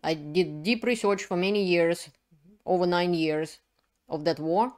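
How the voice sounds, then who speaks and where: A woman's voice: on the low side, unhurried, darkish tone. A middle-aged woman from Russia with a Russian accent, hosting her own channel and explaining news in an earnest way, with frequent fillers and restarts. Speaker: channel host. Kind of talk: solo commentary video.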